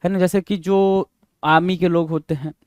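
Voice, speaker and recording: A man teaching English idioms in Hindi for exam prep. He repeats each idiom slowly and keeps asking the class rhetorical questions. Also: high-pitched, steady tone, darkish tone, clear, resonant tone, no echo. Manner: asks the class rhetorical questions, calling them "bhai". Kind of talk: exam-prep vocabulary lesson.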